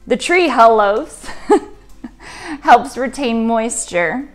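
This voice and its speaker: A woman's voice: a little high, lively intonation, drawn-out words, soft background music. Woman chatting through a sheet mask. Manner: chatty, offhand, casual. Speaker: beauty vlogger. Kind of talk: casual product review to camera.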